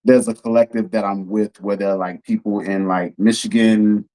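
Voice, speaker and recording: A man's voice: fairly low pitch, level tone, moderate pace, mellow, low-quality recording. A man from Houston, a policy consultant introducing himself earnestly as a podcast guest. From Houston, Texas. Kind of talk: casual podcast conversation.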